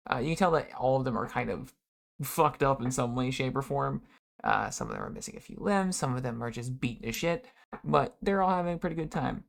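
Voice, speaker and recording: A man runs a tabletop game, narrating the scene with frequent pauses and fillers. His voice is gravelly at a middle pitch. The delivery is descriptive and unhurried. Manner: descriptive, with frequent ums and uhs. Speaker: game master.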